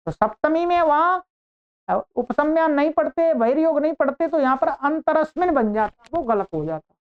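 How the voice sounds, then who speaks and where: A woman teaching Sanskrit grammar in an online lecture, explaining patiently and checking in with the listener as she goes. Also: high voice. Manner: slow, explanatory, repeats points with "ठीक है". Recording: dull lo-fi audio.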